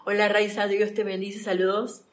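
A woman's voice: medium pitch, level tone, normal speed, highs cut off. A woman leading a live-streamed spiritual study class, chatting with viewers and wandering into anecdotes. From Panama. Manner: chatty, warm greetings to viewers, digressive anecdotes. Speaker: spiritual study group leader.

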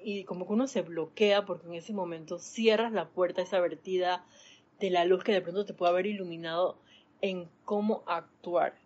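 A woman's voice: lowish voice, steady tone, moderate pace, a little mellow. A woman giving a spiritual talk on a live stream, animatedly acting out everyday scenes as she teaches. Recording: dull lo-fi sound, faint background noise.

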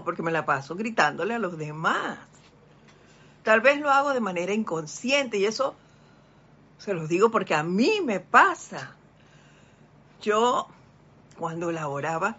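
An older teacher leads a spiritual lesson at a very slow, deliberate pace, stretching key words. The voice is bright and forceful. The recording sounds dull and lo-fi. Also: medium pitch, breathy edge. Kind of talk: spiritual lesson, reading a text aloud and commenting.

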